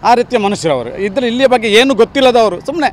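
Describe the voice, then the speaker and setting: A middle-aged man answers a street reporter outdoors. His voice sits high, and he speaks with emphatic indignation, hammering the same points again and again. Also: lively intonation, fast talker, a little hiss or hum. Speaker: local worker interviewed on the street. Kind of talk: street interview. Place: outdoors near a temple town.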